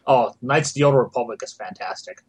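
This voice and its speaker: Male podcast panelist. Medium-pitched, conversational delivery, recorded very dry. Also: brisk, husky, no echo. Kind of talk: casual chat.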